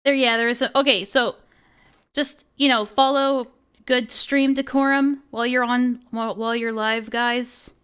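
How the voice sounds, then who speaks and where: High, clear-voiced young-sounding woman streamer. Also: steady tone, moderate pace, a bit bright. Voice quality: youthful, girlish. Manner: chatty, swears casually. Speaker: livestream host. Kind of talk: casual livestream chat with friends.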